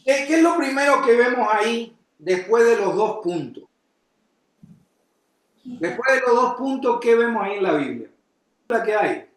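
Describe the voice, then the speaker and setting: A pastor delivers his sermon in a high voice, slowly and deliberately, firing questions at his congregation. Now and then he bursts into shouted emphasis. The sound rings through a very echoey church. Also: sing-song. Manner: preaching with sudden shouted emphasis.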